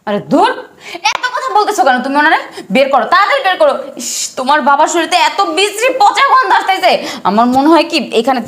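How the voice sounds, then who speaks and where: A woman's voice: very high-pitched, big pitch swings, quick pace, a bit bright, exaggerated voice. An actress playing a bossy, scornful young wife who demands her father-in-law be thrown out. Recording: echoey room.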